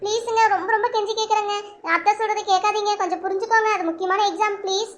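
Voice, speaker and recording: A woman's voice: very high-pitched, steady tone, racing. A woman voicing an anxious young wife in a cartoon, pleading and worried. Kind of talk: cartoon voice acting.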